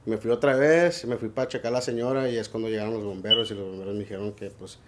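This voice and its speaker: A man's voice: on the low side, fairly even intonation, fast, noisy background. A young man, recounting events casually in a loose storytelling way with frequent fillers and English words mixed in. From Laredo, Texas border region. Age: young adult. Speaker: local resident rescuer interviewed.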